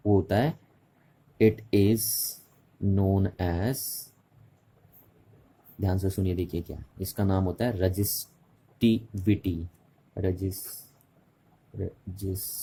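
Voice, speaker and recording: Low, husky male physics teacher. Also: steady tone, slow, long pauses, mellow. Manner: patient, repeats key terms and checks understanding. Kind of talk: classroom lecture mixing Hindi and English.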